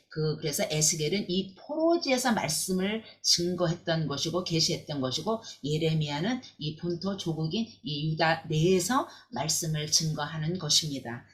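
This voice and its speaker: A woman teaching a Bible lecture, earnest and emphatic, with frequent fillers and restarts. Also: fairly low pitch.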